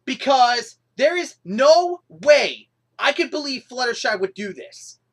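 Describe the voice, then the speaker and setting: A young woman vlogger reviewing a cartoon episode in an exasperated, animated rant with sudden outbursts. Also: sits high, takes it slowly.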